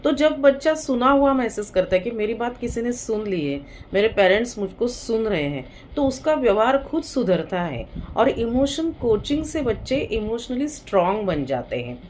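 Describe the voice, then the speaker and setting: A woman's voice: a little high, big pitch swings, moderate pace, hardly any pauses, darkish tone, slight background noise. Indian woman counselor explaining parenting tips. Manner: explanatory, mixes in English terms, frequent fillers. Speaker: psychologist and counselor. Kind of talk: parenting advice talk.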